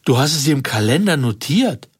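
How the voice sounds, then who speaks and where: A man's voice: medium pitch, big pitch swings, a little fast, slightly rough, dry recording, studio quality. A man reading the lines of his affectionate, sentimental wife in a raised voice. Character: narrator's wife, adult woman, affectionate and sentimental.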